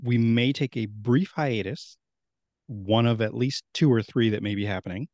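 A man's voice: mid-range voice, normal speed, a little mellow, no room sound, muffled recording. A man in his thirties hosting a podcast in a rambling, friendly way, with many restarts. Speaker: podcast host. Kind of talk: casual podcast chat.

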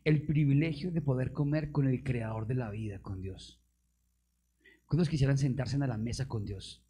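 A man's voice: mid-range voice, moderate pace, mellow, husky. A man preaching a live sermon, firing rhetorical questions at the congregation and joking with them. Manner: call-and-response with the congregation, rhetorical questions, bursts of emphasis; playful, laughs with the audience. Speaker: pastor.

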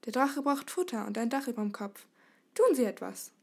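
A woman playing a small, round knight in a storybook, calm and unshakably confident. He is cheerful, self-assured and a little high-voiced. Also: moderate pace, gravelly, slightly rough, full character voice. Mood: firm.

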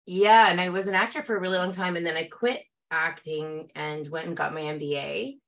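A middle-aged woman with a bright, forceful voice pitched a little low. She talks casually as an interview guest and repeats herself for emphasis. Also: fairly even intonation, fairly quick. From Canada. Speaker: film producer, interview guest. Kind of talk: casual conversation.

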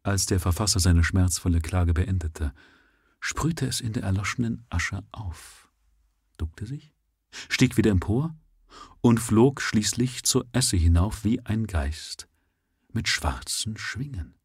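A man reading a story aloud live at sight, with expressive, unhurried narration. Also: on the low side, slightly rough, no echo, studio quality. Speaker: audiobook narrator.

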